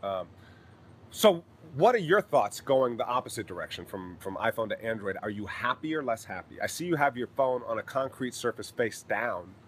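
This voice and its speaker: A man hosting a casual podcast, a stand-up comic who talks in a relaxed way with lots of "uh" fillers. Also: mid-range voice, moderate pace, a little hiss or hum.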